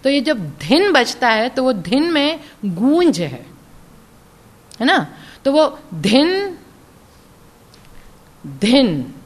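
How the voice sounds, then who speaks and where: A woman who sings classical music, explaining its theory in a slow, explanatory way. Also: high-pitched, sing-song. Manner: slow, explanatory, reciting drum syllables and sung notes. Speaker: classical vocalist and music teacher.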